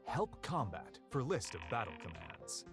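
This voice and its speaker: A man's voice: on the low side, sing-song, a little slow, vocal fry, full character voice. A man playing the narrator of a tongue-in-cheek dungeon adventure game, reading scripted narration. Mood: measured storytelling. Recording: game music behind the voice.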